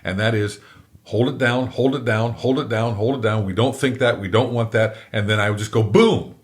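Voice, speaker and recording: A man's voice: fairly low pitch, moderate pace. A middle-aged man, a comedian guest on an interview show, telling candid stories and acting out the voices in them with self-mocking humor. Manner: self-deprecating, acts out quoted exchanges. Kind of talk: candid conversational storytelling.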